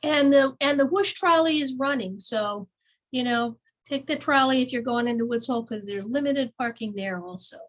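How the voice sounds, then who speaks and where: A woman's voice: high-pitched, normal speed. A woman co-hosting a casual local events chat, talking easily, laughing often and reading out event blurbs. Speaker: chamber of commerce co-host.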